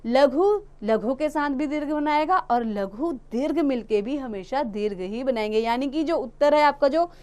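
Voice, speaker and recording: A woman's voice: high voice, animated, darkish tone. A woman teaching a grammar lesson to children, explaining step by step and asking questions she answers herself. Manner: addresses children, often drawn-out words.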